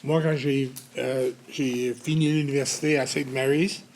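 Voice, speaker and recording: A man's voice: mid-range voice, fairly even intonation, measured pace, a little mellow, slight background noise. An older man introducing himself in a good-humoured way. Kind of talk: personal introduction.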